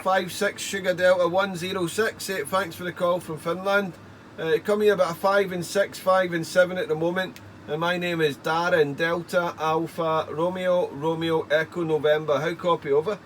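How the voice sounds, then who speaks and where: A man's voice: high-pitched, normal speed. A man working as an amateur radio operator chats casually with call signs, rambling in a stop-start way and repeating words. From United Kingdom. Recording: faint steady background noise.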